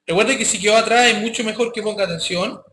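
A man teaching a coding class, his voice high and bright. He speaks casually and keeps checking that the students follow. The sound is echoey, with faint background noise. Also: quick pace. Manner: casual, addresses students directly with frequent checks. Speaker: programming teacher. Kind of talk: live classroom coding lesson.

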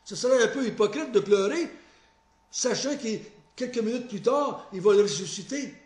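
A man preaches in a high, bright voice. He reads scripture at a measured pace and climbs in pitch when he stresses a point, earnest throughout. The sound carries an echo from the church hall. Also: lively intonation. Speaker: pastor. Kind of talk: sermon with Bible reading.

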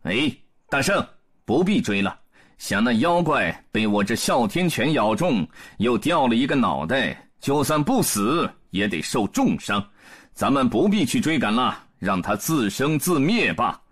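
A man voicing a calm, commanding male deity with steady, measured speech. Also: mid-range voice, slightly rough, exaggerated voice.

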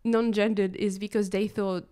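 Hosting a casual podcast chat from a living room couch, a Frenchwoman in her thirties with a French accent, who is also a drone pilot, laughs often and speaks with many restarts and fillers. Her medium-pitched voice is level, smooth and dark, at normal speed. The handheld dynamic mic gives clean studio sound with no echo.

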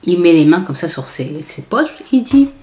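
A woman vlogger with a fairly low voice tells a story at a moderate pace in a casual storytime style. She's animated, acting out the voices of the people she quotes and dropping to whispers for asides.

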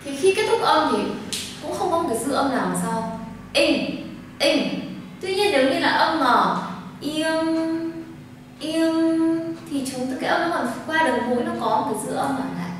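A woman teaching a Chinese pronunciation lesson, slowly drilling each sound aloud for her students to repeat. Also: sits high, expressive, slight background noise. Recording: echoey classroom from far off.

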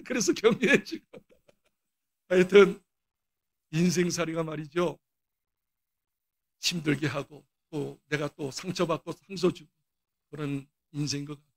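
Older male pastor, higher-pitched voice, storytelling sermon with dramatic bursts. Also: unhurried, vocal fry, pauses often. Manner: storytelling, acts out quoted dialogue with sudden loud bursts. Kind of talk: sermon with personal stories.

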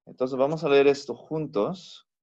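A man teaching a recorded language lesson, slow and patient, repeating each word so it can be pronounced. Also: medium pitch, darkish tone, dull audio, slight background noise. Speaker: biblical Hebrew teacher.

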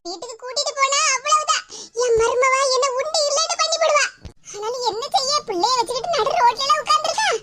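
Woman doing elderly cartoon grandmother, Tirunelveli Tamil accent, very high thin voice, plaintive and hesitant, noisy recording. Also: fast. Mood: worried. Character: elderly village grandmother, worried, soft-hearted.

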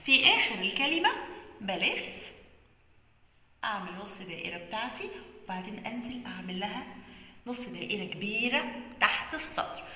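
Lively Egyptian woman teaching kindergarten letters. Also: a little high, echoey room, big-room sound. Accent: Egyptian Arabic. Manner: slow, drawn-out sounding of letters. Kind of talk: children's writing lesson.

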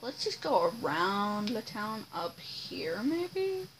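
A woman's voice: medium pitch, very animated, takes it slowly, a little hiss or hum, rough recording. A woman giving casual commentary while playing a video game, talking to herself in an exasperated way. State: hiccuping. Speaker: gamer playing on a channel.

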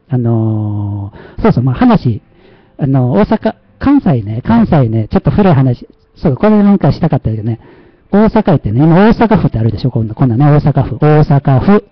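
Casting Man, Kansai accent, slightly high voice, casual livestream host, joking about himself, dry close-miked lo-fi audio. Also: no room sound. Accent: Kansai Japanese. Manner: chatty and self-mocking, laughing often.

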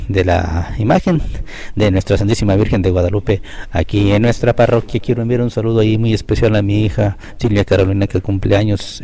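A man's voice: fairly low pitch, dark tone. A middle-aged man with a Mexican accent hosting live local radio, chatty and sending greetings and dedications from the studio booth. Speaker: radio host.

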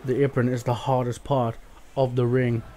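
Male gamer, mellow dark tone, mock wrestling commentary, profane and rambling. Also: medium pitch, level tone, normal speed, a little hiss or hum. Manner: swears freely, rambling with fillers. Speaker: gaming YouTuber. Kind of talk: mock play-by-play game commentary.

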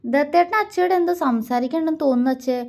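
A woman's voice: high-pitched, fast, vocal fry, a little mellow, pitched above the performer's own voice. A woman voicing a mischievous young wife who slyly teases her husband in front of her father. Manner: sly and teasing.

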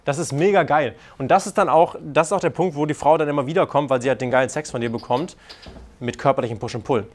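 Casting: male dating coach, a touch high-pitched, blunt and playful. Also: fast. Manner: animated, acts out quoted lines in put-on voices; frank, crude and joking. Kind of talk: casual coaching talk.

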